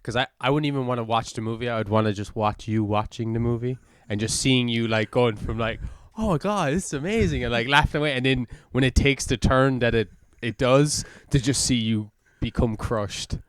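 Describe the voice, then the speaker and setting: A man's voice: mid-range voice, steady tone, a little fast, few pauses, smooth, no room sound, studio quality. A man co-hosting a podcast in casual chat, thinking aloud in a reflective way with lots of fillers. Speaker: podcast co-host.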